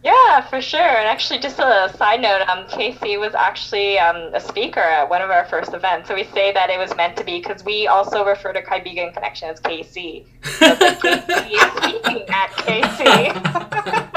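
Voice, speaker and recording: A Canadian woman appears as a podcast guest in a casual interview, chatting with plenty of fillers and restarts. Her mid-range voice has lively intonation, a moderate pace and a fairly bright tone, though the recording is rough.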